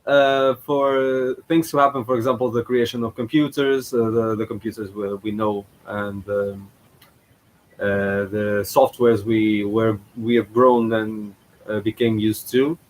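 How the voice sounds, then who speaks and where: A man's voice: fairly low pitch, little pitch movement, unhurried, low-quality recording. A man hosting his own channel, giving casual reaction commentary in a hesitant way, with frequent fillers and restarts. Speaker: channel host reacting to a past contest.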